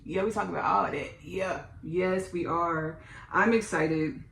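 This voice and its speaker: A woman hosting a casual mukbang video, talking in an animated, rambling way about spiritual ideas. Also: fairly low pitch, unhurried, gravelly, a little hiss or hum. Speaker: host. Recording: echoey room.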